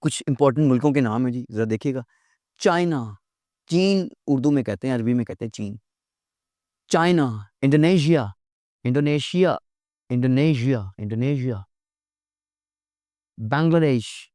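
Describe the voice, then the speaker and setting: A man teaching an English lesson, repeating each word slowly with exaggerated mouthing and adding wry, gently scolding asides. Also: medium pitch, lively intonation, no room sound, clean studio sound. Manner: drills words with slow, exaggerated mouthing and repetition. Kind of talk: recorded pronunciation lecture.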